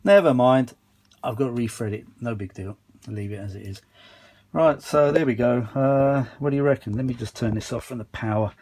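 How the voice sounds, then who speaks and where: A vintage audio hobbyist films a casual, unscripted workbench repair update on a handheld phone camera, rambling, thinking aloud and swearing mildly. He has a medium-pitched, slightly mellow voice and talks fairly quickly.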